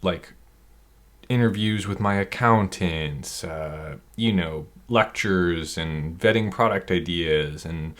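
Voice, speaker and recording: A man with an energetic, rambling manner, coaching online sellers through a screen-share tutorial. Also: deep voice, slow. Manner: energetic, rambling, self-interrupting.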